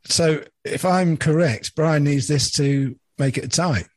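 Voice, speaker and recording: Man hosting a quiz, husky voice. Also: a little high, unhurried, no room sound. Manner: reads out lyrics, jokey. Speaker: podcast co-host running a quiz. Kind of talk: casual chat.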